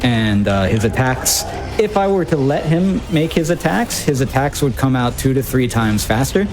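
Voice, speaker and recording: A man's voice: medium pitch, big pitch swings, moderate pace, music in the background. A man giving casual, wry live commentary on his own speedrun, often breaking off his sentences as he thinks aloud. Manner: informal, wry, self-interrupting thinking aloud.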